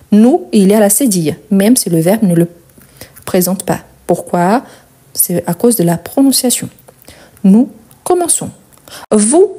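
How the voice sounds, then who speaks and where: A woman teaching French verb conjugation, explaining slowly and stressing each example word, often checking in with "Ok?". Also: medium pitch, dark tone, breathy edge. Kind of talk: conjugation lesson.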